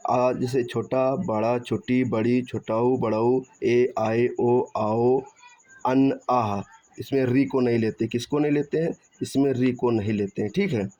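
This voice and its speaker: A man with a mellow, dark-toned voice takes students through Hindi grammar, repeating each rule and asking and answering his own questions. He stretches syllables slowly when spelling sounds out. The recording is dull and muffled. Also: mid-range voice, steady tone. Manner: repetitive, asks and answers his own questions, checks with "theek hai". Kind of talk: online grammar lesson.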